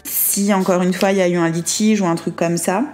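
A woman giving a tarot reading in a fast, chatty way, with frequent asides and check-ins to the listener. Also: lowish voice, steady tone, a little mellow, faint music behind. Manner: quick, chatty, with many asides and checks like "hein" and "d'accord"; switches to slow, careful reading when reading card text aloud. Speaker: tarot reader. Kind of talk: casual spoken tarot reading.

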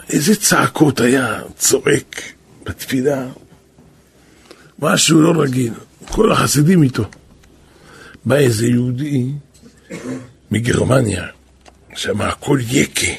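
Male rabbi, lively storytelling sermon, very husky and gravelly, shouts for emphasis. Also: mid-range voice, pauses often. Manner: animated storyteller who bursts into shouts for emphasis. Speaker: rabbi and kabbalist teacher.

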